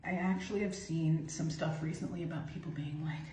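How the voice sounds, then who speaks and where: A woman's voice: low-pitched, fairly even intonation, brisk, dark tone. An American woman talking candidly to camera at home, giving her opinions in a casual vlog with lots of "like.". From United States. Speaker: vlogger living abroad. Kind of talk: casual talking-head commentary. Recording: roomy echo, distant mic, faint ambience.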